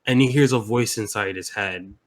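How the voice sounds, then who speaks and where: A man's voice: fairly low pitch, normal speed. A man narrating as game master of a tabletop game, casual and swearing freely. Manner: casual, swearing, laughing, with fillers.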